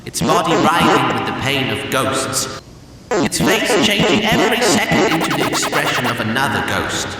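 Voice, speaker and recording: A man's voice: mid-range voice, very animated, normal speed, natural voice. A brooding, haunted Pac-Man, voiced by a man, recounts his own ravenous deeds in a grim horror narration. The voice sits in the middle range and sounds far off, swimming in a long, echoing hall over faint hiss. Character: haunted, guilt-ridden Pac-Man after devouring the ghosts. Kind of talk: first-person horror narration.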